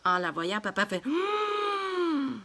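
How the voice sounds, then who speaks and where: A woman reading a children's story aloud in a gentle, expressive way. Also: medium pitch, moderate pace.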